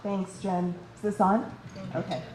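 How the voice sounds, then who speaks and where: A woman moderating a panel, speaking in a brisk, practical way with a few ums. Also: medium pitch, fairly even intonation, heavy background noise. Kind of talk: introducing a panel. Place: large conference room. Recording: echoey event room, faint ambience.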